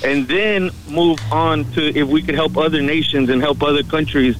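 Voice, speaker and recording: A man's voice: fairly high pitch, steady tone, moderate pace, a little hiss or hum. A man calling in to a radio show over the phone, talking in a rambling, earnest way with many fillers. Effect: heard over a phone line. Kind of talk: casual call-in talk. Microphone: telephone.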